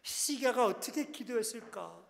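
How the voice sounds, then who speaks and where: Korean pastor guy, high voice, chatty sermon w/ bursts of loud acted praying, big echoey hall. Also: expressive, normal speed, vocal fry. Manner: conversational preaching, teasing the congregation, rising to impassioned acted prayers. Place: large prayer hall. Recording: long hall reverb.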